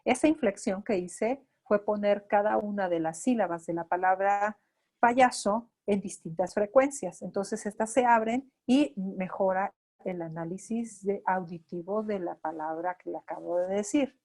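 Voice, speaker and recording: Una mujer con acento mexicano, terapeuta auditivo-verbal, da una clase a residentes y explica con ejemplos prácticos. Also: female voice, mid-range voice, unhurried, a little mellow. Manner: explanatory, acts out examples of talking to children. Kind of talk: lecture.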